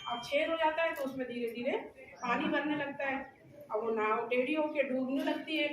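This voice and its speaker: A woman's voice: high voice, normal speed. A woman telling a moral story step by step, in plain speech at a training session. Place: indoor training hall. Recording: echoey room from far off, noisy.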